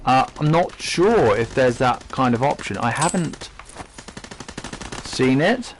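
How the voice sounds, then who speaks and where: A man's voice: mid-range voice, animated, slow pace, a little hiss or hum. A man commenting casually while playing a game on a live stream, rambling and chatty with many fillers. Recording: game gunfire audible behind voice.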